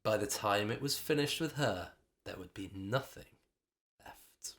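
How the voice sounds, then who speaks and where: A man's voice: lowish voice, measured pace, gravelly, a bit bright, a little hiss or hum. A man reading his children's book aloud, narrating with dramatic expression.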